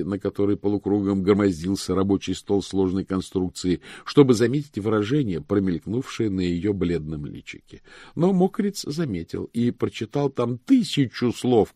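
Male audiobook narrator, low measured delivery, gravelly, dry close recording. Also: mellow, no room sound. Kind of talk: scripted narration.

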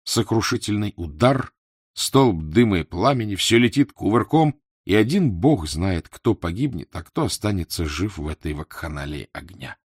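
A man narrating a literary novel in a measured, expressive way. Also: low voice, husky, dry recording, studio quality. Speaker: audiobook narrator.

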